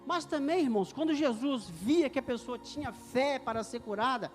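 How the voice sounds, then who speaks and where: A middle-aged man preaching a sermon in a church hall, fervent and swelling to loud declarations. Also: very high-pitched, lively intonation, normal speed. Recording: echoey hall with music behind.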